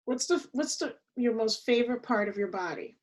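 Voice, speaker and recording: A woman hosting a podcast, asking playful quick-fire interview questions. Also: fairly high pitch, animated. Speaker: podcast host.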